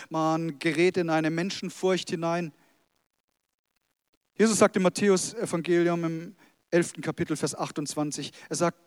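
A man's voice: high-pitched, a little mellow, no echo, studio quality. A pastor preaching a sermon, talking to his congregation in a conversational way with light humour.

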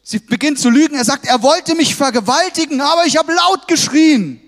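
A man delivers a sermon in a strikingly high voice, pressing his points with emphatic calls to the congregation. His words ring out with a long reverb from a large hall. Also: moderate pace, fairly bright tone. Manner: emphatic, exhorting, with frequent "hey" calls to the congregation. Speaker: pastor.

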